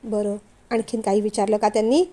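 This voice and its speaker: A woman voicing a polite, gentle young man who is a company director, in a storybook reading. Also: mid-range voice, flat delivery, a little fast, pitched below the performer's own voice, lightly acted.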